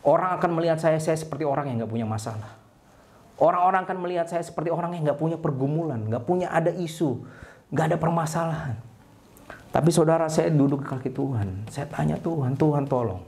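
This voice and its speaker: A male preacher delivering an animated sermon. His pitch leaps high for acted-out cries and sinks low and quiet at the end of each phrase. He tells the story with expressive energy. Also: fast. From Indonesia. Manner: animated storytelling, acts out a crying eaglet; ends phrases with a low, soft address to listeners. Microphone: online service broadcast.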